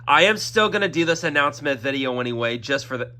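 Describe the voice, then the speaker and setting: A man's voice: mid-range voice, expressive, quick pace, pushed and bright. Congested man rambling on his vlog. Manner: repetitive, circles back with fillers like "that is" and "y'all". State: congested throat, occasional coughing. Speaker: YouTube channel host. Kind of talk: rambling casual vlog announcement.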